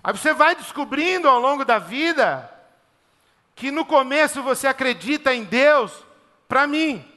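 High-voiced preacher, echoing hall. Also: male voice, animated, a little slow, sharp tone. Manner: emphatic, repeats phrases in rhythmic lists. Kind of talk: conversational sermon. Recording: long hall reverb.

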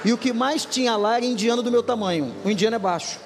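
A male pastor with a very high voice and quick pace tells a humorous story in his sermon, speaking animatedly and addressing the congregation directly. There's a little hiss or hum, plus long hall reverb with music behind.

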